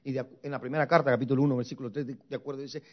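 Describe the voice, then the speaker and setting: A man's voice: mid-range voice, steady tone, very fast. A man preaching a sermon as pastor and seminary teacher, asking rhetorical questions and repeating refrains. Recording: muffled lo-fi recording.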